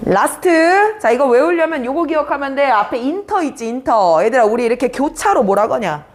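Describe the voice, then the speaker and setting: A woman teaching an English vocabulary class, brisk and teasing, quizzing students by name. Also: high-pitched, sing-song. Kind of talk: live online vocabulary class.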